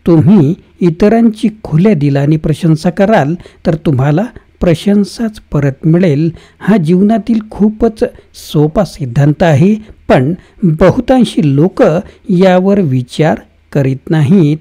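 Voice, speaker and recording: A narrator reading a self-help book summary in a steady, even scripted narration with no fillers. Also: medium pitch, slow.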